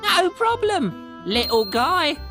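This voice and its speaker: A bubbly little bug. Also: female voice, very high-pitched, very animated, takes it slowly, over music, exaggerated voice.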